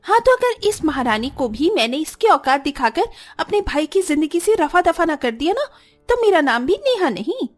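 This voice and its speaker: A shrill, taunting young sister-in-law, as a woman voices her for a cartoon story, pitched high and swinging wildly up and down. She sneers and bosses, full of spite and arrogance. Soft music plays underneath. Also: very animated, normal speed. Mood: scornful.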